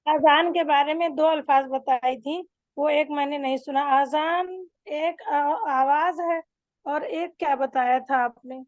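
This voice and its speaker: A woman's voice: sits high, fairly even intonation, dry recording, lo-fi sound. A woman student in an online class, asking a hesitant question.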